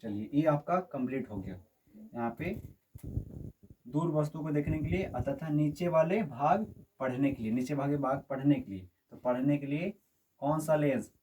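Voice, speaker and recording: A man's voice: a little high, normal speed, warm tone, slight background noise. A man teaching a physics lesson, constantly asking his students questions and checking that they follow. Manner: quizzes students with repeated questions and checks understanding. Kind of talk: classroom lecture. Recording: voice from a distance.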